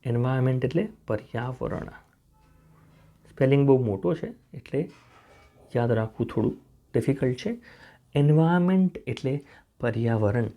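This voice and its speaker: A man's voice: medium pitch, animated, normal speed, pauses often, lo-fi sound, faint music behind. A man teaching spoken English, spelling words out letter by letter, repeating each pronunciation and checking in with the viewer with a rising "okay?". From India.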